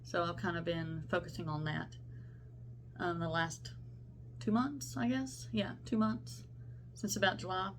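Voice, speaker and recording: A young woman with a sinus infection shows off her cross-stitch projects in a laid-back vlog, rambling and breaking into her own thoughts. She speaks a little slowly in a lowish, fairly even voice, pausing often, with slight noise behind her.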